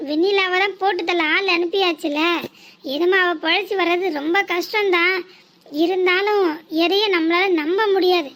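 Woman voicing a scheming cartoon mom, really high thin voice, cold and braggy. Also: fairly even intonation, normal speed, a bit bright. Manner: cold, menacing and boastful. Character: scheming wealthy mother plotting against a rival girl.

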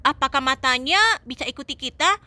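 A woman hosting a children's gaming video, chatting to viewers in an excited, playful way. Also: sits high, brisk, no room sound. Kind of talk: playful game commentary for children.

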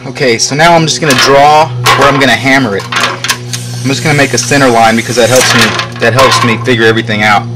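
A young man, a hobby metalworker, gives a brisk, informal step-by-step demonstration in an outdoor work yard. His voice is medium-pitched and steady. A camera mic a short distance away picks him up, and the camcorder audio is noisy.

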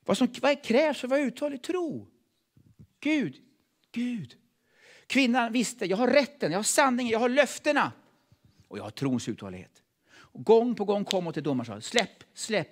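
A man with a Swedish accent preaching a sermon in a church, emphatic and repeating words, dropping from loud calls to hushed tones. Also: high voice. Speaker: pastor. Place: church hall.

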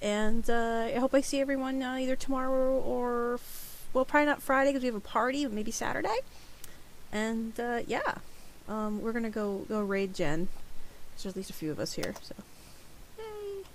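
A woman's voice: on the high side, moderate pace, slight background noise, rough recording. A woman hosting a casual crafting livestream, talking in a rambling, chatty way with frequent restarts. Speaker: livestream host. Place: home crafting stream.

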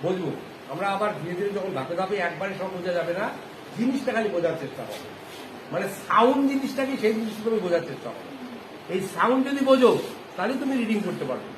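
A man teaching a classroom phonics lesson, with a very high voice. He keeps asking the class questions and drawing each answer out slowly. The room is echoey, with clear background noise. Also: big pitch swings. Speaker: primary school teacher.

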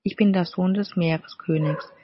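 Brief: a gentle, obliging golden fish in a fairy-tale storybook, read by a woman; soft, husky tone. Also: fairly low pitch, steady tone, normal speed, no room sound, lightly acted. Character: magic golden fish, son of the sea king, patient. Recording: slightly dull, dry recording.

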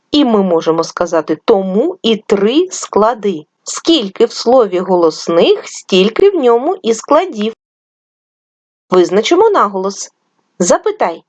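A woman teacher giving a reading lesson to young children, slowly sounding out words sound by sound. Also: fairly high pitch, darkish tone, no echo, highs cut off. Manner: slow, drawn-out sound-by-sound enunciation. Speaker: primary school teacher.

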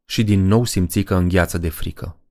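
Man, audiobook narrator, horror story, measured reading, deep voice. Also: fairly even intonation, a little mellow, no room sound, studio quality.

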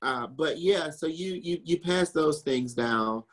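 A man's voice: fairly high pitch, measured pace, a bit bright, low-quality recording. A man from the American South, a historical interpreter and chef, answering questions in a chatty way with frequent laughs and wry asides. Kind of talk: casual Q&A answers.

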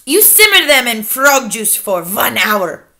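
Imperious witch queen, a woman doing the voice, high and swooping, bright sharp edge, barks orders. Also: sing-song, unhurried, full character voice. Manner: commanding, scornful, declamatory. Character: domineering female witch leader, imperious.

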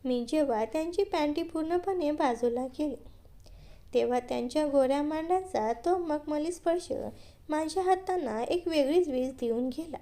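Brief: woman storyteller, high voice, mellow tone, steady scripted read. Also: moderate pace.

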